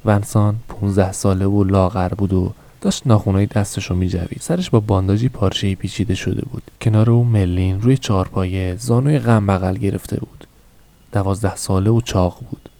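A man narrating a novel for a podcast, reading in a steady, measured storytelling manner. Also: fairly low pitch. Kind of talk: scripted audiobook narration.

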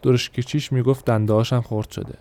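A man's voice: medium pitch, steady tone, warm tone, lightly acted. A man voicing a burly, brash male driver type in a spoken story, speaking emphatically.

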